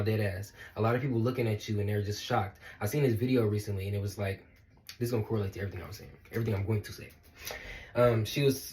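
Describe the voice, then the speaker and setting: A man speaking as a spiritual life coach in a casual motivational monologue, animated and slangy, swearing and laughing often. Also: on the low side.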